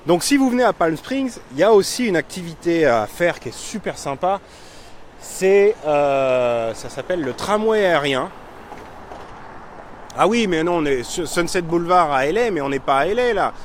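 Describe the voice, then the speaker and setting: A man's voice: fairly high pitch, expressive, moderate pace. A man hosting a casual live vlog on a town street, chatty and self-mocking, with many fillers and restarts. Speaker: vlogger showing a town on a live stream. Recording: faint street noise outdoors.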